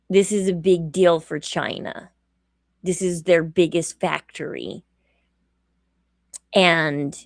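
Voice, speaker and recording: A woman's voice: lowish voice, no room sound, studio quality. A tired woman hosting a casual livestream, talking in a rambling, chatty way and correcting herself as she goes. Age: adult. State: tired, yawning. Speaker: livestream host.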